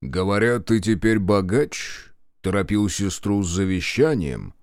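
A man voicing a cunning detective in a read-aloud story. He questions slowly and slyly, his voice a little below the reader's own. The sound is dry and close. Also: fairly low pitch, animated, a little mellow, no echo. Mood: probing. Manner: probing, slow, sly. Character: cunning, intimidating male detective.

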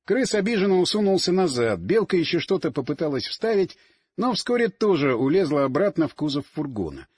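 Husky animated male storyteller. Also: on the high side, brisk, no room sound, studio quality. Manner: lively, animated reading. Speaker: audiobook narrator. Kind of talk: expressive audiobook narration.

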